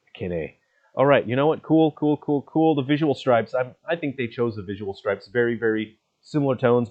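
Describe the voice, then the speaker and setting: A man, a game artist, giving relaxed, playful commentary on character design, slipping into mock-teacher asides and chuckling at his own jokes. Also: lowish voice, dull audio. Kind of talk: casual video commentary.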